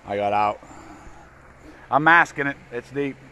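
Slightly slow and pushed bright, a mid-range male voice comes through a muffled recording with some hiss or hum. He's a gold prospecting vlogger by a river, talking into an action camera in rambling, folksy, repetitive outdoor narration.

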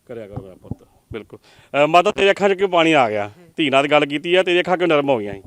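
A man's voice: a little high, expressive, fast, fairly bright tone, smooth, no echo. A man from Punjab reporting from a flood-hit home, speaking in an emotional, consoling and sympathetic way. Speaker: field reporter.

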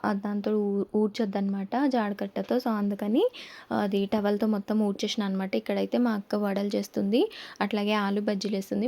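A young woman, narrating a family vlog in a soft, reflective storytelling way. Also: medium pitch. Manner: soft, reflective storytelling, often trailing off with fillers. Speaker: family vlogger. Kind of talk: casual vlog voice-over narration.

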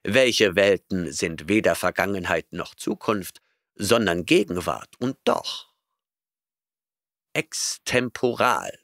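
A man's voice: deep voice, animated, slow pace, gravelly, fairly bright tone, dry recording, clean studio sound, exaggerated voice. A man reading an audiobook voices an arrogant, eccentric male professor who lectures impatiently and snorts at his listener.

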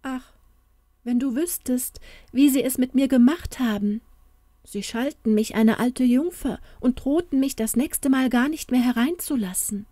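A woman's voice: sits high, unhurried, warm tone, no echo, clean studio sound, voice pushed up. Woman doing a plaintive young fairy-tale girl. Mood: tearful. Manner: plaintive, pleading.

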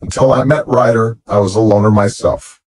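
A man voicing a friendly young werewolf woman in an audiobook, lifting his husky voice higher for her lines. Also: fairly even intonation, fairly quick, darkish tone, natural voice. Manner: lighter, raised voice for her lines. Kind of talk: audiobook character voice.

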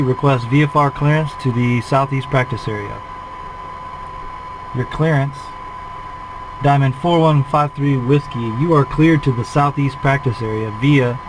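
A flight instructor in his forties, with a mid-range voice, calls out a preflight checklist methodically and in clipped phrases over a headset from a small plane's cockpit. The background is noisy.

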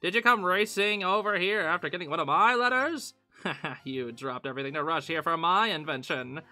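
A boastful male inventor, voiced by a man reading his lines in his own voice, haggles with smug, teasing sales talk. The voice sits high and swoops around lively. Its tone is bright. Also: moderate pace, faint music behind.

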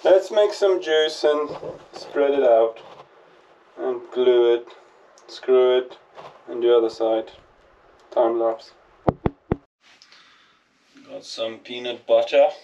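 A man vlogging his boat restoration, making brief, unhurried remarks while he glues and fits parts inside the hull. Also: medium pitch, dark tone, dull audio, slight background noise. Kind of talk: casual workshop commentary. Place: inside a small boat hull under renovation. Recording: distant voice with background music.

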